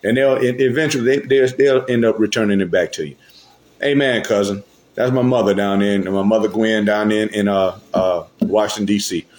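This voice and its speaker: Lower-voiced man preaching a casual sermon. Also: fairly even intonation, a little fast, darkish tone. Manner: repeats "hallelujah, God" between phrases; colloquial, conversational preaching with rhetorical questions. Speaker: elder preaching. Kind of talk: informal sermon.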